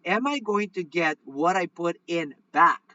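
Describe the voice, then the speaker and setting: A man's voice: high-pitched, lively intonation, unhurried, bright, forceful tone, dry recording, muffled recording. A man hosting an online talk show about money and trading, speaking emphatically, repeating his points and acting out the inner voice of a nervous trader. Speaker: host. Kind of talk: casual talk-show commentary.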